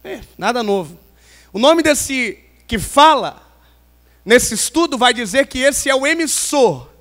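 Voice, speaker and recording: Male preacher, very high pitch, humorous storyteller, long hall reverb. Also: animated, unhurried. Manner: playful, swings from loud emphasis to quiet asides. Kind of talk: pentecostal sermon with humorous stories. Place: large church hall.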